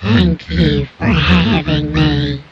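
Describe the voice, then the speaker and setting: A man voicing an anonymous male informant through a digitally altered disguised voice, telling his story in a slow, formal, overwrought way. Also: a little high, fairly even intonation, husky, highs cut off. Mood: solemn. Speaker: guest informant. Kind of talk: radio comedy bit.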